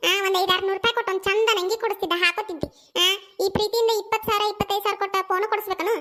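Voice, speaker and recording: A very high, bright and squeaky cartoon voice, put on by a performer, the cheeky young village woman rattles off her lines at a rapid clip. She has a thick North Karnataka accent and a teasing, quarrelsome manner. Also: fairly even intonation, a little hiss or hum. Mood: teasing, squabbling. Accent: North Karnataka Kannada. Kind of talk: cartoon comedy voice acting.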